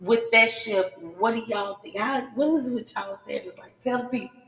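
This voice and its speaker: A woman's voice: fairly high pitch, moderate pace, a bit bright, soft background music. A woman in her forties hosting a podcast, chatty and asking her guests questions. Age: 40s. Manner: chatty, laughing, asks questions. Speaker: podcast host. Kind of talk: casual chat. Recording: roomy echo.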